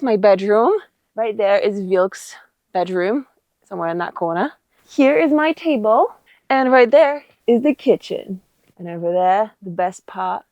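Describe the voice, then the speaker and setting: Brief: woman, 30s, outdoor vlogger, slow easy delivery, easily excited, faint music bed. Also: medium pitch. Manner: enthusiastic, easily excited, laughing. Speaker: travel vlogger. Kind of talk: casual vlog narration. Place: outdoors on rural mountain land.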